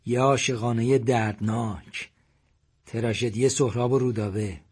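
A man voicing a menacing armed man who shouts and sneers threats, husky-voiced. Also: mid-range voice, steady tone, lightly acted. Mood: sneering.

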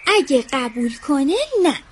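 A woman's voice: high-pitched, lively intonation, very noisy. A woman voicing a teasing older brother in a cartoon dub, mocking and bossy.

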